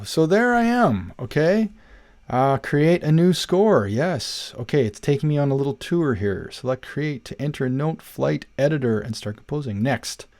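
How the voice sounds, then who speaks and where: A man's voice: mid-range voice, darkish tone, dry recording. Casual, chatty male music teacher. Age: 40s. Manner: casual, chatty, talks students through each step with frequent "okay?" checks. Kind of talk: screen-recorded software tutorial. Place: at his computer, indoors.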